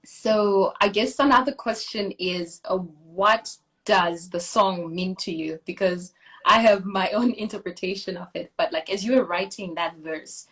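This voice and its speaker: A woman's voice: medium pitch, a little slow, a bit bright. A young woman from Zimbabwe, a singer, chatting enthusiastically as she interviews a fellow artist over a video call.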